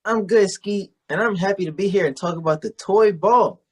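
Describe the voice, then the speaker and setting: Man as high-voiced, earnest student puppet. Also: normal speed. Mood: eager. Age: young adult. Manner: earnest, presentational read-aloud. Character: earnest young male college-student puppet cousin giving reports. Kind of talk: scripted educational report for children.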